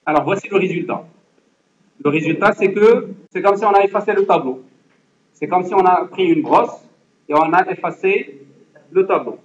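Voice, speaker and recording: Speaking at a normal speed with frequent pauses, a high-voiced man walks a class through a computer lesson one step at a time. He often makes sure the students are following, and the lo-fi recording carries a dull classroom echo.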